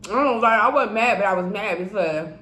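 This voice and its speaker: In a casual eating vlog, a mukbang creator in her twenties, Indiana-born and raised in Miami and Georgia, talks fast with a sharp tone in a mid-range voice. She's tipsy, and the sound is reverberant with slight background noise. She chats freely, humming and chewing as she tells stories.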